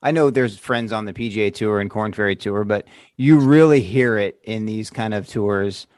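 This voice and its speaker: A man's voice: lowish voice, normal speed, a little mellow, no echo, studio quality. A man hosting a podcast, chatting casually with his guest. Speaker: podcast host. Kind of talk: casual chat.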